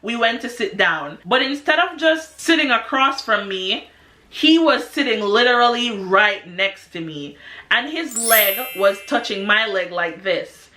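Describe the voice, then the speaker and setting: A young adult woman vlogger telling a story in an animated, casual way, peppered with "like". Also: fairly high pitch, unhurried. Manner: animated, exclamatory storytelling with many "like"s. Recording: echoey room.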